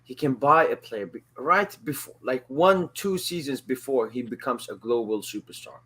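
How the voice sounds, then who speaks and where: A man's voice: medium pitch, lively intonation, normal speed, a bit bright, husky. A man in casual podcast chat who explains his points eagerly. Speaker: podcast panelist.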